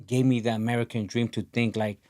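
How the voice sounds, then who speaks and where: Man from Honduras, 40s, podcast host, earnest and soft, middle pitch. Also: level tone, a little fast. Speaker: podcast host, boxing coach. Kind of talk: casual interview talk. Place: podcast studio in a boxing gym. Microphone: desk podcast mic.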